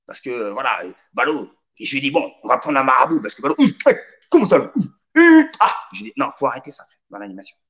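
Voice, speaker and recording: A man's voice: medium pitch, big pitch swings, fast talker, fairly bright tone, dull audio. A man hosting a live radio show, joking and teasing while reading out the chat. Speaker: radio host.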